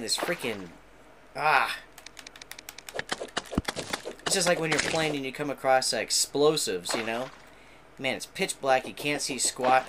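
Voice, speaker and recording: A man casually narrating his video game play, chatty and rambling, quick to get excited. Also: mid-range voice, very noisy. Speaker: gaming channel host. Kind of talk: casual let's-play commentary.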